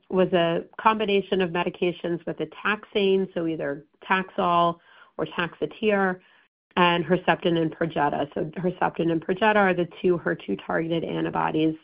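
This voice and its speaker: A hoarse woman breast oncologist, still recovering, gives a medical presentation to patients over a tinny phone line. Her voice is lowish, and while she's informative, she uses many "um"s and restarts.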